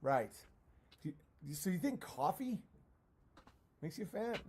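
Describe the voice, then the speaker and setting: A male streamer with a slightly high-pitched voice. He talks casually to his viewers, stopping and starting as he rambles. His language is profane and often turned against himself. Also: very animated, takes it slowly, darkish tone, slight background noise. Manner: profane, self-deprecating. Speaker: live streamer. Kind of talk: casual livestream rant, answering chat comments.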